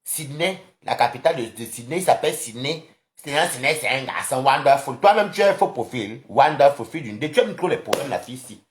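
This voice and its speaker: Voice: mid-range voice, a little fast. A speaker from Cameroon with a Cameroonian accent, ranting casually and confrontationally to viewers on a social media live stream. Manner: animated, rambling, confrontational, addresses viewers directly.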